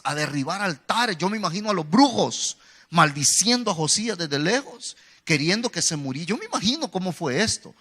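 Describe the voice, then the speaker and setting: A man's voice: high-pitched, pushed and bright. A Salvadoran man preaching in a church, telling a personal testimony and calling his listeners "brother". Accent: Salvadoran Spanish. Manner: storytelling, addresses listeners as "hermano".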